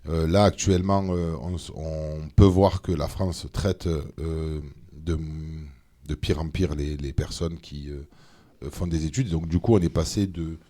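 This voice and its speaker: A man, a member of parliament, talking as a guest in a casual interview, animated and full of hesitations. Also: rumbling low, a little slow. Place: studio of a streamed show.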